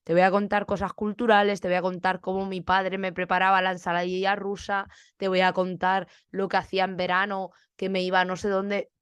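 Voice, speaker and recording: A woman's voice: medium pitch, little pitch movement, a little fast, clear, resonant tone, no echo. A young woman teacher from Spain, with a Spanish accent, chatting casually on her podcast and acting out bits of classroom dialogue.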